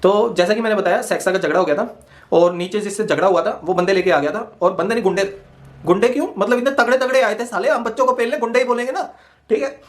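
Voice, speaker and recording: A young man casually telling a funny personal story, lively and laughing often as he acts out what people said. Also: sits high, fast.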